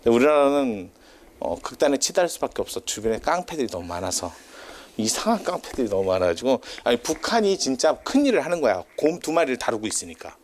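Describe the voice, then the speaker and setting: A male lecturer talking to a class in a loose, chatty way, his pitch swinging up and down. He drifts off on tangents, teases and laughs often. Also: sing-song, fast talker, a little hiss or hum.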